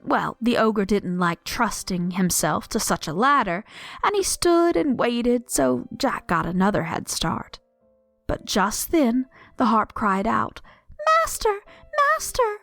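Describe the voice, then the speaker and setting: Expressive woman reading a fairy tale. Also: medium pitch, takes it slowly, vocal fry, no echo, faint music behind. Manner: expressive, dropping to a whisper in tense moments. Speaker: storyteller. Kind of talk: storybook read-aloud narration.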